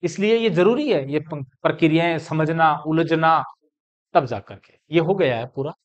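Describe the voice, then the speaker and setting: A man's voice: on the high side, moderate pace, muffled recording. A middle-aged man teaching Hindi grammar as a classroom lecture, asking questions and answering them himself. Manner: explains step by step, asks and answers his own questions.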